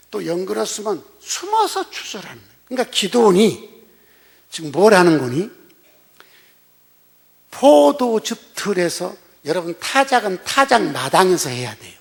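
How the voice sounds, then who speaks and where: Animated older pastor preaching, gravelly high voice. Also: male voice, a little slow, pauses often. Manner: animated storytelling with rhetorical questions to the congregation; colloquial and blunt. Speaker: senior pastor. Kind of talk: sermon.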